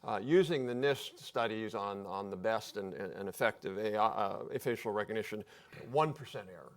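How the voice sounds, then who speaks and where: A man's voice: fairly low pitch, normal speed. Man explaining casually on a panel. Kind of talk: live panel discussion.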